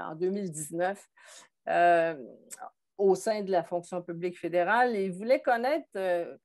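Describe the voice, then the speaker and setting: A woman's voice: medium pitch, a little mellow. A woman in her sixties from Montreal with a Québécois French accent, a podcast guest telling her story in a thoughtful way with frequent hesitations. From Montreal, Quebec. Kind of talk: conversational interview.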